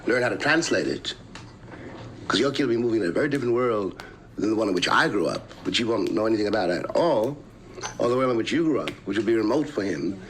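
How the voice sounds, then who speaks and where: Measured man in an archival TV conversation. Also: lowish voice, lively intonation, fairly bright tone, rough recording. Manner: measured, searching for words. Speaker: interview guest. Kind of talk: thoughtful televised conversation. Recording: archival broadcast with faint noise.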